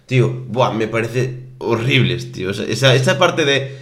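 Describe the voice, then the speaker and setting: A man's voice: mid-range voice, animated, moderate pace, fairly bright tone. Rambling young man in a roomy room. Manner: rambling, restarts often, says "tío". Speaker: podcast co-host. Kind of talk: casual chat. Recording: roomy echo.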